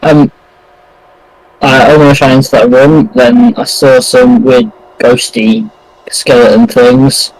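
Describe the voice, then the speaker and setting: Tentative, slow-speaking man at game table. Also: mid-range voice, sing-song, vocal fry, a little mellow, low-quality recording. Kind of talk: casual chat.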